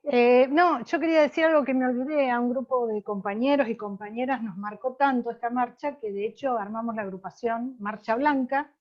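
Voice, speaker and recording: Woman, union member, chatty and wry, higher voice, lo-fi call sound. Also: brisk, few pauses. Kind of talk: casual recollection in an online meeting.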